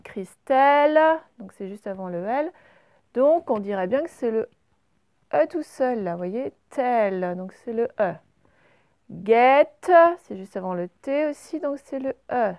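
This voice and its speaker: In a gentle, slow spelling lesson, a French-accented primary school teacher stretches out words for her young class. The woman's warm voice sits a little high, with no room sound audible.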